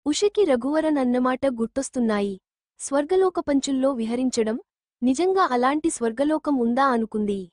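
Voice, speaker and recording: A woman narrating a written story in a steady reading voice. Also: high voice, normal speed, no echo, clean studio sound.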